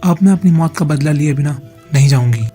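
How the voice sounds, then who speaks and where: A man voicing the vengeful ghost of a murdered wife, now a witch, speaking slowly and with menace. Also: mellow, husky, soft background music. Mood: menacing. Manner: menacing, slow and low. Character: vengeful female ghost witch in red sari.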